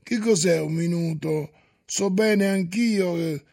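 A man's voice: high-pitched, takes it slowly, vocal fry, darkish tone, heavily acted. A man doing a nagging old manservant. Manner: nagging, coaxing. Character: stubborn grumbling old male manservant.

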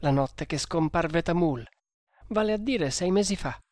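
A worried, devoted servant in a storybook reading, as a man puts him on. The voice sits noticeably higher and pleads nervously, recorded dry and close. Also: animated, unhurried, a little mellow, dry recording. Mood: uneasy. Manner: pleading, fearful. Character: loyal anxious Indian male servant.

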